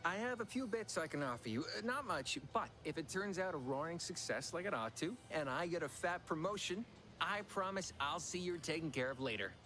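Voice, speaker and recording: A jittery corporate clerk from a video game, all folksy chatter and nervous schemes. His voice sits high and runs on quickly, with a faint hiss behind it. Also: lively intonation, sharp tone. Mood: wheedling. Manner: folksy, fast-talking, jittery.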